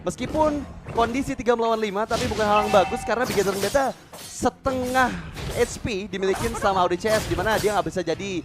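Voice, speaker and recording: A very high-voiced Indonesian man calls an esports match live in the excited style of a fighting game announcer. He pushes up into shouts at peak moments, with music playing clearly behind him. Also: quick pace. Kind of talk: live play-by-play commentary.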